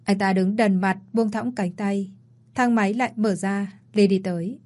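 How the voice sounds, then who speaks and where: A woman narrating a dramatic story in the first person, in a calm, even storytelling voice. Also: mid-range voice, normal speed.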